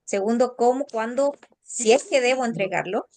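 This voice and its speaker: Hesitant woman, slightly high voice. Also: moderate pace, a little mellow, a little hiss or hum. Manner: thoughtful, hesitant with fillers. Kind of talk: casual church discussion.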